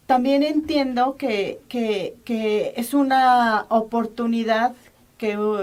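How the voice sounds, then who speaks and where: Woman host, Mexican accent, slightly high voice, conversational, repeats herself. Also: a little mellow. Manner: conversational, restarts and repeats while asking. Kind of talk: interview, health program.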